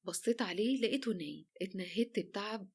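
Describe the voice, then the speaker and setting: Egyptian woman telling a love story, chatty, lively, fast. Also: medium pitch, breathy edge. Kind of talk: first-person romance story narration.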